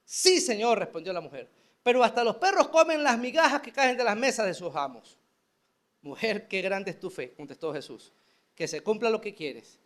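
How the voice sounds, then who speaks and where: A man preaches a sermon, acting out prayers and voices as he goes. His voice sits high and swings widely in pitch, rising and dropping with each point. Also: a bit bright. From Venezuela. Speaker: pastor.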